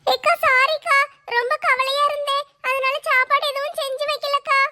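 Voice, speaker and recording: A woman's voice: very high-pitched, flat delivery, moderate pace, pushed and bright, full character voice. A woman voicing a shy, tearful young woman who speaks in a hesitant, pleading way. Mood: anxious.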